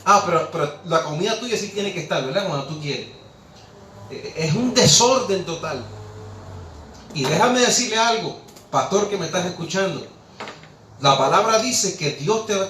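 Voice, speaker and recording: A man's voice: high-pitched, fairly bright tone, a little hiss or hum. A man preaching a sermon, impassioned, rhetorical and scolding. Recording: echoey room, distant mic, faint ambience.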